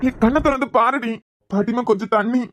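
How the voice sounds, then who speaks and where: Her voice sits slightly high and moves a bit quickly, with a faint hiss or hum, sounding close to how she normally talks. She plays an anxious young man in a cartoon web series, tending a girl who has fainted, and his tone is tender and pleading. She speaks with a Kanyakumari Tamil accent.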